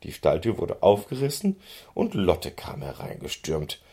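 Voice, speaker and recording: A man reading a children's book aloud in an expressive storytelling manner, on a handheld recorder. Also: low-pitched, a little slow, husky. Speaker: reader.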